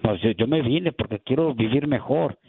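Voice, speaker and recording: A man's voice: mid-range voice, moderate pace, breathy edge, dry recording. A man with a Mexican accent, a radio show caller arguing scornfully and repeating himself as he makes his point. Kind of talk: spontaneous argument on a radio call-in. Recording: phone-like narrow band, dry.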